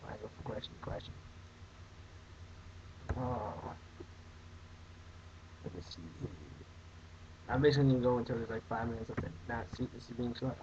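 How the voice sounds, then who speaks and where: A man's voice: medium pitch, fairly even intonation, normal speed, long pauses. A young man hosting a casual comedic vlog, answering viewer questions in a rambling, mock-outraged way. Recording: dull lo-fi webcam audio, faint hiss.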